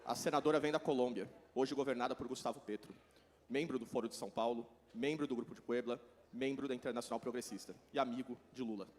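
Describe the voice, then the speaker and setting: Fast-talking Brazilian man interpreting. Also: medium pitch, fairly even intonation, darkish tone. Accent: Brazilian Portuguese. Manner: rapid, running translation. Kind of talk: consecutive interpretation.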